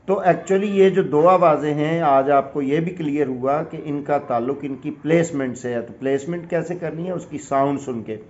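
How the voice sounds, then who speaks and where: On a dull lo-fi recording, a man from Pakistan with a Pakistani accent teaches English grammar through patient step-by-step explanations and examples. His voice runs on the high side and a little mellow, with few pauses.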